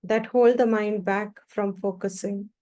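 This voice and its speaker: Calm, measured, and brief, a female meditation teacher's instructions come with long gaps between them. She speaks in a mid-range voice.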